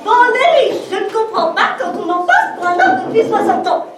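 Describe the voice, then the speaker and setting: A teasing, insistent elderly woman acted by a stage actress in a comedy. Her voice is extremely high and emphatic. It rings through a very echoey hall, picked up from a distance over faint noise. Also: sing-song, brisk. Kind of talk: amateur stage comedy acting. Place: theatre stage, recorded from a distance. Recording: echoey theatre recorded from far off, noisy.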